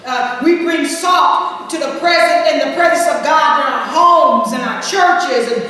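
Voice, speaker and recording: A woman pastor preaching a sermon, slow and emphatic, calling out "Amen?" to the congregation. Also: sits high, sharp tone. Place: church sanctuary. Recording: echoey church sanctuary from far off with faint hum.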